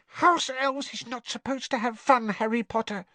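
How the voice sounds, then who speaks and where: A man voicing a tiny, timid female house elf from a storybook, with a quivering squeak and meek, servile broken grammar. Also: fairly even intonation, moderate pace, sharp tone, no echo. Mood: scolding, firm.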